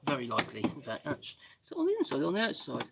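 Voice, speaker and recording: A man with a slightly mixed Norfolk English accent and a squeaky voice, chatting casually and ramblingly as he hosts a livestream. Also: huge pitch swings, very fast, gravelly, noisy background. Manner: rambling, chatty, self-interrupting. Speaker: livestream host doing DIY work.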